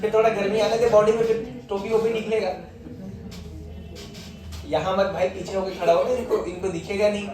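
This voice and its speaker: A man's voice: high voice, flat delivery, normal speed, long pauses. A man teaching physics to a class, quizzing and teasing his students as he goes. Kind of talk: classroom lecture. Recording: echoey classroom from far off, students murmuring.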